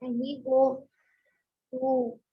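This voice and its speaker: A woman student haltingly retelling a story in an online class, her voice cutting in and out in volume over a computer mic. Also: high-pitched, monotone, slightly rough. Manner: hesitant, many fillers, broken grammar. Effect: volume dropping in and out. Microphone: online call, computer mic. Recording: lo-fi online call audio.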